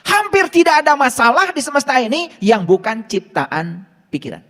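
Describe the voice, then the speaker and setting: A man's voice: extremely high pitch, expressive, normal speed, pushed and bright. A man preaching a casual sermon, teaching with rhetorical questions. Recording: long hall reverb.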